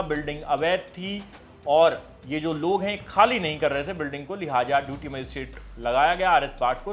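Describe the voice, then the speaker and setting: A man hosting a news show, narrating a report in an energetic, emphatic way. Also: a little high.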